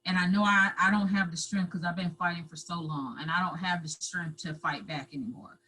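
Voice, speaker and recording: Husky-voiced woman telling a painful story. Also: lowish voice, steady tone, sharp tone, poor audio. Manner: halting, repeats words, breaks into tears. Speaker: interview guest. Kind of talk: emotional personal storytelling.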